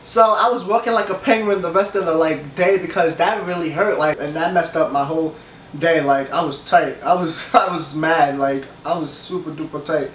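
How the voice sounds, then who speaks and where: A young adult vlogger with a stuffy nose and a fairly high voice rambles through a casual story time at normal speed, animated and gesturing with his hands, laughing often and restarting himself. He's indoors in a room with a leather couch, where the echo is noticeable and the camera mic sits a bit far away, picking up a faint hum.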